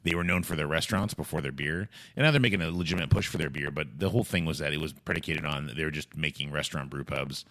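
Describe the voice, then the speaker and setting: A man hosting a podcast in casual talk, rambling and halting as he restarts his phrases. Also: rumbling low, creaky, a bit bright, dry recording. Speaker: podcast host.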